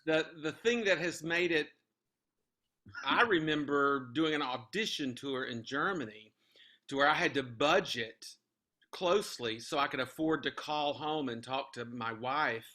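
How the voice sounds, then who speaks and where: A middle-aged man with a strikingly bright, sharp tone and a fairly high pitch. He tells stories at an easy pace on a video call, slipping in deadpan jokes. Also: measured pace. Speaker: guest singer. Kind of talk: casual anecdote on a video call.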